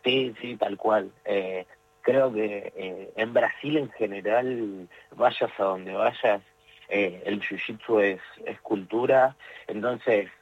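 A young jiu-jitsu competitor from Tierra del Fuego, Argentina, answers interview questions about his sport in an Argentine Spanish accent. He speaks slowly in a lowish, breathy voice, hesitating with many fillers and restarts. The audio is dull, with no echo.

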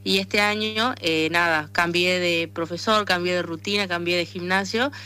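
Here an arm wrestler who also presides over an association answers questions in a conversational radio interview, her Tucumán accent marking her as from northern Argentina. The voice is lowish, steady and moderately paced, with a sharp, clear, resonant tone.

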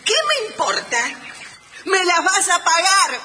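Spoiled, threatening young daughter, Argentine accent, melodramatic, high and sharp in a reverberant room. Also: female voice, lively intonation, slow, a little hiss or hum, exaggerated voice. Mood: vengeful. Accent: Rioplatense Argentine.

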